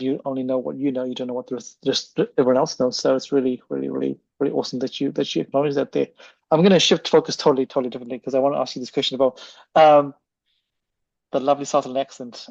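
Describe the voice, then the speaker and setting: A male podcast host speaks quickly. His voice is relaxed and crackly at the edges. He is effusive, doubling up words for emphasis in casual interview chat, on slightly dull audio. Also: medium pitch, gravelly, dry recording.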